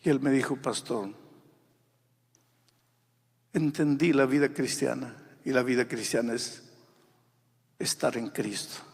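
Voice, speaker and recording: A man preaching a sermon with great feeling, swelling to loud, high pleas and dropping to hushed, quiet lines. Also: steady tone, unhurried, gravelly, pauses often, slightly rough, long reverb tail. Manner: impassioned preaching, swells loud then drops to near whisper. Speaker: pastor.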